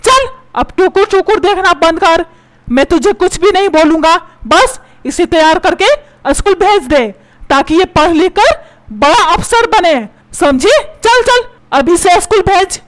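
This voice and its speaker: A woman voicing a high-voiced grumbling cartoon dad. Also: lively intonation, unhurried. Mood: lecturing. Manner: grumbling and complaining. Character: put-upon grumbling father, called an old man.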